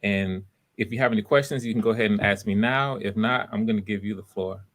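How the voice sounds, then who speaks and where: Running live voice auditions, a man chats casually and encouragingly with the participants in a livestream. He talks fast, and his lowish voice has a slightly bright edge.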